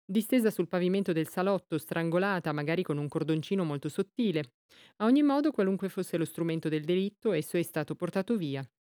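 A woman voicing a calm, shrewd elderly female amateur detective in an audiobook, speaking quietly. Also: medium pitch, brisk, no room sound, clean studio sound, natural voice. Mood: calm, dry.

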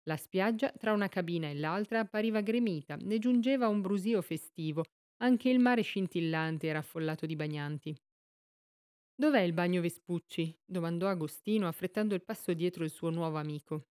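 A woman reading a literary novel aloud in a steady, measured storytelling manner. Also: fairly low pitch, clear, resonant tone. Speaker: audiobook reader.

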